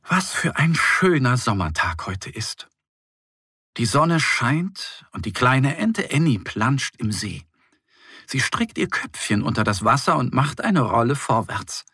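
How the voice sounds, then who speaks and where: A man narrating a scripted children's story in a gentle, expressive reading style. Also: mid-range voice, takes it slowly, breathy edge, no echo, studio quality.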